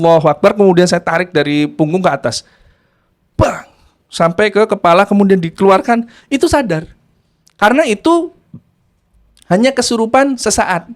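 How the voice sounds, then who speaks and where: A man with a notably high voice recounts events in a relaxed, conversational way. His delivery is animated, dropping low and quiet, then rising with excitement. He sounds like a spiritual practitioner sharing his experiences. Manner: animated, swinging between hushed and excited. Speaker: ruqyah practitioner telling of an exorcism. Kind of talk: casual storytelling.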